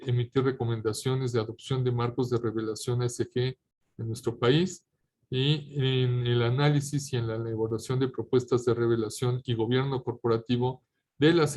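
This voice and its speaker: A man's voice: medium pitch, darkish tone. A man with a Mexican accent delivering a formal, scripted welcome speech as an official. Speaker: financial regulator official.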